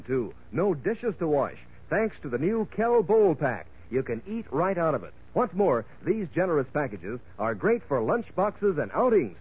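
A man with an American accent doing a folksy, eager 1940s radio announcer's sales pitch to children. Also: husky. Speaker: commercial announcer. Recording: tinny, phone-like vintage radio recording.

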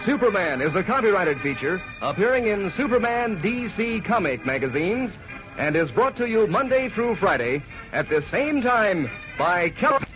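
An American man reads 1940s radio commercials as a folksy, enthusiastic pitchman for children. His voice is fairly high and very animated. The vintage broadcast sounds muffled. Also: normal speed. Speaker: commercial announcer. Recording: muffled old radio broadcast, faint music.

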